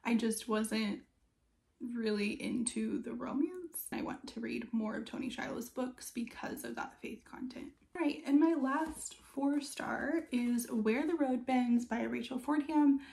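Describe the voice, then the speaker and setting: Chatty woman reviewing books, creaky higher voice. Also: a little slow, a little mellow. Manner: chatty and conversational, with frequent "like" and trailing asides. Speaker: book reviewer and video host. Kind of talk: casual chatty book review to camera.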